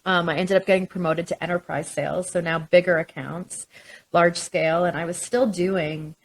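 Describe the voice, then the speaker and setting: A woman's voice: lowish voice, steady tone, normal speed, rough recording. A woman telling her story as a podcast guest, chatty, with frequent ums and restarts. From Canada. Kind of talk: casual interview chat.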